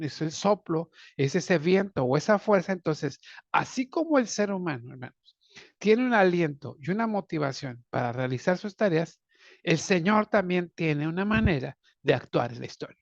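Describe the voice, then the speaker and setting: A man preaches a sermon, his gravelly voice pitched a little high. He keeps calling his listeners brothers and putting rhetorical questions to them. The recording is dull and lo-fi. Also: no echo. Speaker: pastor. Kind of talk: sermon on a Bible lesson. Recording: dull, dry lo-fi sound.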